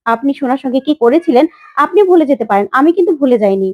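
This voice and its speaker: Lady reading out a defiant young woman snapping at elders, high voice, kinda dull lo-fi sound. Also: expressive, racing, no room sound. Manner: sharp, scolding retorts.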